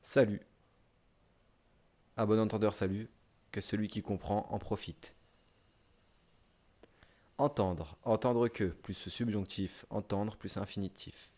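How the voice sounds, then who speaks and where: A man's voice: on the low side, fairly even intonation, a little slow, long pauses, dark tone. A man with a southern French accent, a streamer reading dictionary definitions aloud live in short listed phrases, with offhand asides. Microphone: streaming microphone.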